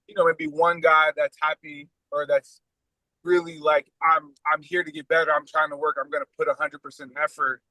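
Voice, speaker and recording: A man's voice: on the high side, sharp tone, no room sound, low-quality recording. A young adult man, a coach, calling into a group chat from his car while driving, earnest and thinking aloud with some fillers. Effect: talking over a call from a car. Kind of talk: casual group chat on a call.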